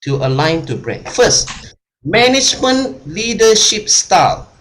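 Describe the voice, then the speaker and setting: A man's voice: high voice, sing-song, a little slow, a bit bright. A man coaching a group over a video call, repeating his points and tagging them with "huh?". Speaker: speaker and coach. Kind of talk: online workshop talk.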